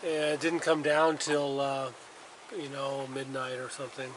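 A man's voice: mid-range voice, little pitch movement, moderate pace. Man in his fifties, solo sailing vlog, rambling self-talk, camera at arm's length, light sea noise behind. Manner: rambling, self-talking, with restarts and muttered curses. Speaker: solo sailor vlogger. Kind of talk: casual self-filmed vlog. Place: small sailboat at sea, cabin and open deck. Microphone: handheld camera at arm's length.

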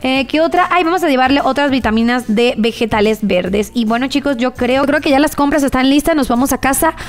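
A woman's voice: high voice, a little fast. A young woman giving bubbly, gushing commentary on a mobile game, using many diminutives and talking straight to her viewers. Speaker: gaming YouTuber.

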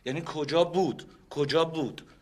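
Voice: medium pitch, animated, fairly bright tone, natural voice. An actor playing a fussy relative who keeps correcting someone's dialect and worries about being embarrassed. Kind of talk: sitcom acting.

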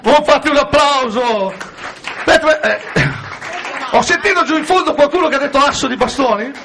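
A man's voice: extremely high pitch, moderate pace, sharp tone, a little hiss or hum. A man doing stand-up comedy on stage, firing punchy jokes at a live audience. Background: audience laughter.

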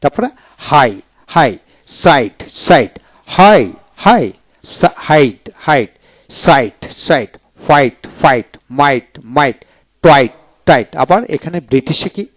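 Male teacher, a touch high-pitched, dry close sound, slow word drills. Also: animated, no echo. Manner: repeats each word slowly, spelling letters out. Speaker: English pronunciation teacher. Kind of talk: video lecture, drilling words aloud.

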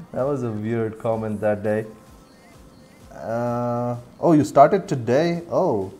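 A man's voice: mid-range voice, takes it slowly, pauses often, mellow, faint music behind. A man with an Indian accent chatting casually with viewers as he streams, laughing often and answering chat as he plays. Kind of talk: casual gameplay commentary.

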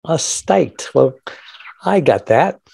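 A man's voice: fairly high pitch, expressive, slow, gravelly, darkish tone, breathy edge, no echo. A man hosting a radio-style podcast interview, talking in a chatty, upbeat promo patter. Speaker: podcast host.

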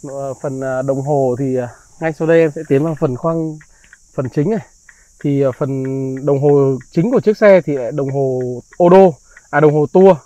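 Slick used car salesman, higher-pitched. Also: moderate pace, warm tone, no echo, low-quality recording. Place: outdoors beside and inside a parked car.

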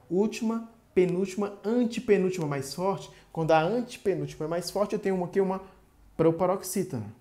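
A woman with a Brazilian accent gives a short grammar lesson to her viewers. Her voice sits low and sounds soft and mellow. She speaks in a clear, teacherly way and slows right down to spell out each syllable of her example words. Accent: Brazilian Portuguese.

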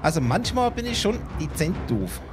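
Lively self-mocking male gamer. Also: a little high, moderate pace. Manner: musing, self-mocking, talks to himself while playing. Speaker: let's play gamer. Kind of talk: casual game commentary. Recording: game music behind the voice.

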